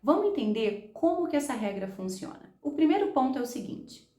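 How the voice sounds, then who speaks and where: A woman's voice: sits high, big pitch swings, fairly quick, mellow, roomy sound. A woman from Brazil with a Brazilian Portuguese accent, an English teacher patiently explaining pronunciation rules, repeating sounds and checking in often.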